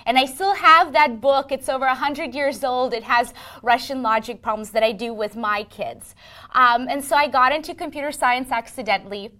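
A woman's voice: high-pitched, normal speed, pushed and bright. Earnest Ukrainian-born woman explaining her work. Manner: earnest, explains with vivid analogies. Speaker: interviewee, software engineering manager. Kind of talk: conversational interview.

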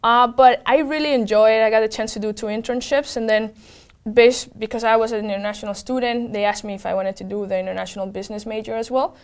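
A woman's voice: fairly high pitch, fairly even intonation, quick pace, clear, resonant tone. A young woman from Venezuela, a native Spanish speaker working as a program manager, answering interview questions in casual chat with many fillers. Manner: upbeat, lots of fillers and restarts.

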